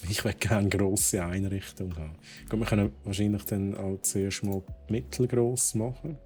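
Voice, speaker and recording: A man's voice: lowish voice, steady tone, normal speed, a little mellow, faint music behind. A man with a Swiss German accent streaming a video game, thinking aloud as he plays and dropping English exclamations. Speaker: gaming streamer. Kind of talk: casual let's-play commentary.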